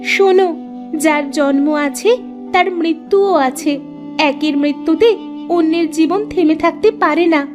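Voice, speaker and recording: An actress voicing a gentle young woman in a cartoon, soothing and earnest. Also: high-pitched, measured pace, over music. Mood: consoling. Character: gentle, wise young woman consoling a friend. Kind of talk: cartoon voice acting.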